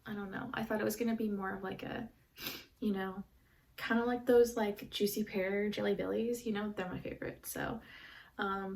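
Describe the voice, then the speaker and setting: Chatty woman with a gravelly, stuffy voice. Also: medium pitch, darkish tone, recorded from a distance. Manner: chatty, rambling, lots of fillers. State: stuffy nose, sneezy. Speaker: knitting vlogger. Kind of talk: casual show-and-tell chat.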